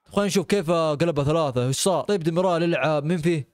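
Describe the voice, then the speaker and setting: Watching football clips, this young man from Arabia gives excitable live commentary full of exclamations and laughter. He talks very fast in a slightly high voice, captured with clean studio quality and no room sound.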